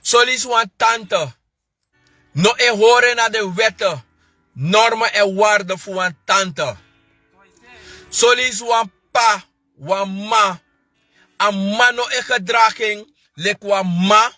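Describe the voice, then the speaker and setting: Guy, high bright voice, preachy vlog talk, sings bits of it. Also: slow pace, long pauses, dry recording, studio quality, soft background music. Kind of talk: casual monologue to viewers.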